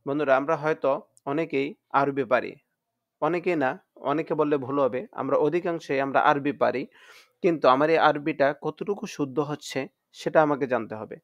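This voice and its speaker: A man teaching Quran reading in a recorded lesson, with a Bangladeshi Bengali accent. He says each letter slowly three times so listeners can repeat after him. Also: on the high side, dry recording, muffled recording.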